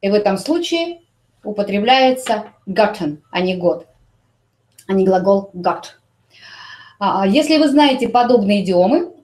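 A woman teaching an English grammar lesson, explaining slowly and repeating English example sentences. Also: medium pitch, a little mellow.

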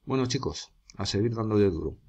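A man's voice: on the low side, animated, fairly quick, mellow, muffled recording. A man with a Spanish accent from Spain, teaching a grammar lesson step by step and stopping often to check that his students follow. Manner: explains step by step, checks in with students, writes while talking.

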